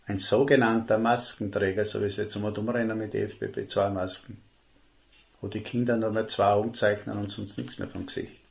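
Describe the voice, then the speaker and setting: A man preaching a sermon, earnest and emphatic, slowing down to stress key words. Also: lowish voice, little pitch movement, vocal fry, darkish tone. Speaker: lay preacher. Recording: dull lo-fi recording.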